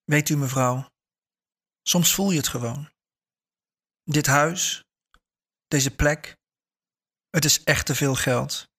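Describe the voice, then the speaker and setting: A man's voice: fairly high pitch, slow pace, long pauses, fairly bright tone, husky, exaggerated voice. A man reading a story aloud and voicing a nervous, stout businessman who stammers and hesitates. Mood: pleading.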